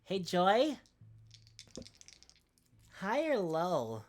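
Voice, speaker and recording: A woman's voice: fairly low pitch, huge pitch swings, very slow, darkish tone. A woman running a tabletop game as game master, playful and often laughing.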